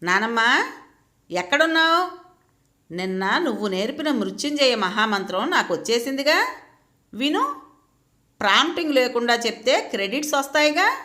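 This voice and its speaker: A woman's voice: on the high side, sing-song, moderate pace, pauses often, bright, forceful tone. A woman doing a tearful little boy. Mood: eager. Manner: childlike, pleading, sobbing speech.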